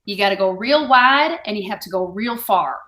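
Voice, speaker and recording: A woman voicing an easygoing Texan, with wide drawn-out vowels and phrases that rise at the end. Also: mid-range voice, expressive, sharp tone, echoey room. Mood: easygoing, drawling. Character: drawling, easygoing Texan explaining local speech.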